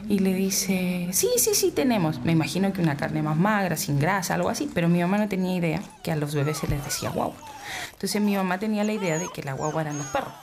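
A woman's voice: fairly low pitch, fast talker, darkish tone. A woman from Mexico in an interview, telling family anecdotes and acting out the people she quotes. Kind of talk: storytelling, recounting anecdotes.

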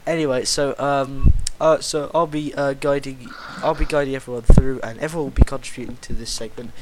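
A man's voice: mid-range voice, fairly even intonation, brisk. A man hosting a casual podcast, rambling with lots of fillers and restarts. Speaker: podcast host. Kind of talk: casual chat. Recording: loud background noise.

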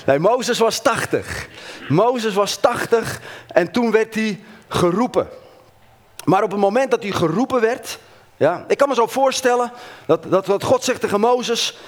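A preacher with a somewhat high voice retells a Bible story. His storytelling is animated, and he slows down with dramatic pauses. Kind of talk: sermon.

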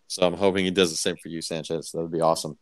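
Guy with a really low voice hosting a fantasy hoops podcast, hypes stuff up, repeats himself. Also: racing. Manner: excitable, swears casually, repeats words. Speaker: podcast host. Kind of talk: casual fantasy basketball chat.

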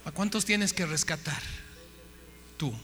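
A man, a pastor, telling a story in a sermon with lively acted-out dialogue. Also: a little high, measured pace, soft background music. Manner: animated storytelling, acting out dialogue. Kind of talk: sermon testimony. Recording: hall reverb, faint hum.

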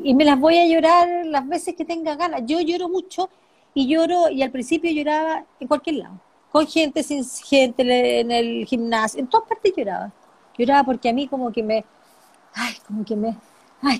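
Middle-aged woman interviewee, husky and soft, reflective, repeats phrases. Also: fairly high pitch. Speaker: interviewee, bereaved mother and author. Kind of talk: emotional personal interview.

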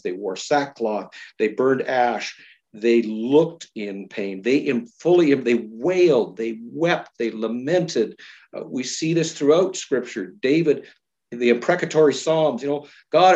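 A man, a pastor, talking earnestly and thoughtfully in a podcast conversation, slowing down to stress key words. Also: medium pitch, darkish tone, highs cut off.

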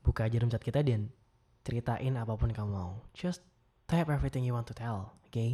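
A young man with an Indonesian accent playing a caring, wistful ex-boyfriend in a gentle, casual, intimate voicemail monologue, mixing in English. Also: medium pitch, brisk, breathy edge, lightly acted. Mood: reassuring. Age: young adult.

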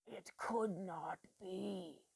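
A weak, bewildered dying duke, put on by a woman narrator, barely forcing out words in a husky, strained whisper. Every word drags out at a crawl. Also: mid-range voice, darkish tone, no echo, pitched below the performer's own voice, exaggerated voice. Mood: weak, dazed. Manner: faint, strained, slow whispering.

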